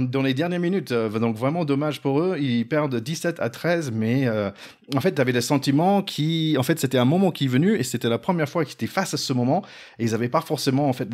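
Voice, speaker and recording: A man's voice: medium pitch, darkish tone. A man hosting a sports podcast in casual chat, leaning on fillers and laughing easily. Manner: chatty, fills with "en fait", laughs easily. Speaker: podcast host.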